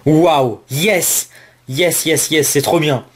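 Excitable man narrating a card-opening vlog. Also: a little high, slow pace, husky. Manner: excitable, exclamatory, addresses viewers as friends; lists card names in a running commentary.

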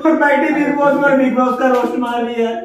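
Animated man bantering, high voice. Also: fast, very echoey, slight background noise. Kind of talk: casual banter.

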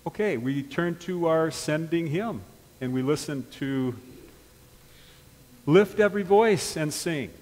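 A man leading a church service as pastor, speaking calmly and measuredly through prayers and blessings. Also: on the high side. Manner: calm, measured liturgical speech. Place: large church sanctuary. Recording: reverberant church from a distance.

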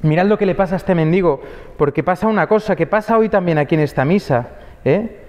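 A man, a priest, preaching a lively sermon at mass and acting out the voices he quotes. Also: sits high, fast talker. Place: church during mass. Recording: dull church audio with long reverb.

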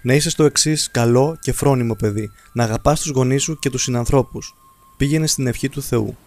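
A man reading a calm, kind old village priest. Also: mid-range voice, natural voice. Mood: reassuring. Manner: calm, reassuring.

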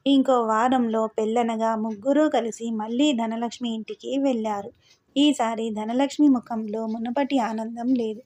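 A woman narrating a novel as an audiobook, reading in a calm, steady way. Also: on the high side, moderate pace.

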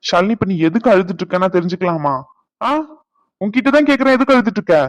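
A man's voice: high-pitched, animated, fast talker, no room sound. A man voicing an indignant young man. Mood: demanding. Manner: indignant, lecturing. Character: angry young man defending the bride. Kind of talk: cartoon voice acting.

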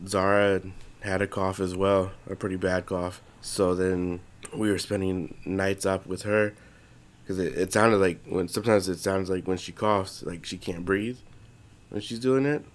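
Deep-voiced and unhurried, the young co-host speaks with fairly even intonation despite being congested. The podcast chat is casual and rambling, with plenty of swearing and false starts.

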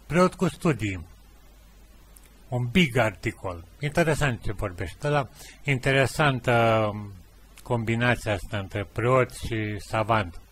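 A middle-aged man with a Romanian accent and a husky, slightly breathy voice spins rambling personal anecdotes. He slips into the other people's lines as he goes, in a casual, conversational monologue. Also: medium pitch, expressive, a bit bright. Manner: rambling anecdotal, acts out dialogue. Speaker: podcast host.

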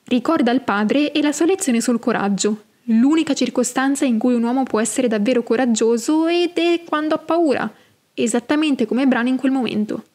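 A woman hosting a podcast, narrating and explaining fantasy lore in a measured, explanatory way. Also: high voice, darkish tone. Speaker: podcast host.

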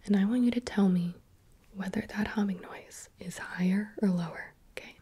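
A woman whispering softly and patiently as an examiner in an ASMR roleplay, close to the microphone. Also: medium pitch, moderate pace, a little hiss or hum. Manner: soft unvoiced whispering, patient and coaxing. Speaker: roleplay examiner giving eye and hearing tests. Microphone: close mic, leaning near the ear.

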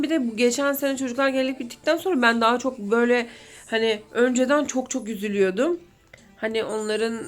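A woman in her thirties talking to camera in an emotional, rambling vlog, close to tears at times. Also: on the high side. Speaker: vlogger. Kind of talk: confessional vlog chat.

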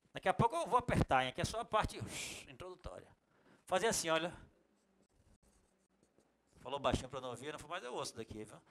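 A man with a Bahian Brazilian accent teaching a computer class in a classroom, lively and jokey, talking straight to his students. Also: mid-range voice. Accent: Bahian Brazilian Portuguese. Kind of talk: classroom lecture.

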